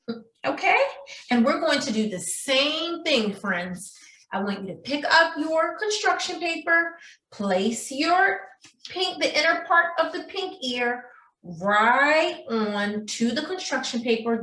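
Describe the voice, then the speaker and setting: Bright-ish and high, a woman's voice leads a craft demonstration for young children, lilting as she treats them like friends and pauses to check in with questions again and again. She is a preschool teacher, heard from a distant microphone in a room with roomy echo.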